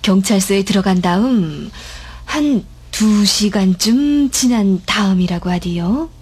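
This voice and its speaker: Husky, deferential church deacon. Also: female voice, medium pitch, expressive, a little slow, a little mellow. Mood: hesitant. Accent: North Korean Pyongan. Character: dutiful, deferential church deacon bringing urgent news. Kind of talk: radio drama acting.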